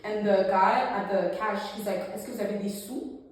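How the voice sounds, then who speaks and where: A woman's voice: mid-range voice, normal speed, heavy reverb, in a large hall, distant mic. A young woman whose first language is French, co-hosting a casual podcast chat and acting out quotes as she tells stories. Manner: animated storyteller acting out quotes. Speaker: podcast co-host.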